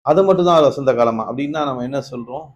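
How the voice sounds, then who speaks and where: A man giving a Ramadan night sermon, telling stories, asking his listeners questions, rising to emphatic peaks and then dropping low. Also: fast talker. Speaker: preacher.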